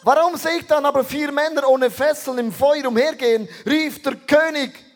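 Pastor guy, middle-aged, really high voice, punchy sermon, throws in english words. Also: normal speed. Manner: energetic, mixes English phrases into German.

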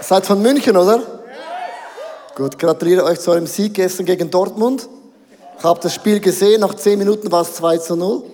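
Swiss german pastor guy preaching in a big hall, high voice, jokey, throws in english, lots of echo. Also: normal speed, crowd noise. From Switzerland. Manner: joking, lively, mixes in English. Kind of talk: sermon. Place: large hall on stage. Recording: reverberant hall.

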